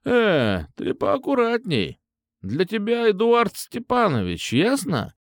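A man reading an audiobook, voicing an elderly female hitwoman with a rattling, low voice and a crude, commanding manner. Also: huge pitch swings, takes it slowly, dry recording, studio quality, full character voice. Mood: gruff. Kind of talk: audiobook narration.

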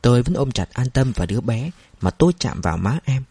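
A man narrating a first-person story in a steady, measured reading. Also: mid-range voice, creaky, slightly rough, no room sound.

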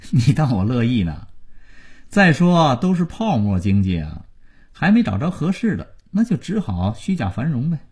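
A man's voice: medium pitch, big pitch swings, normal speed, darkish tone, slightly rough, pitched above the performer's own voice. A man voicing a cool, sardonic young man, talking dryly and teasingly.

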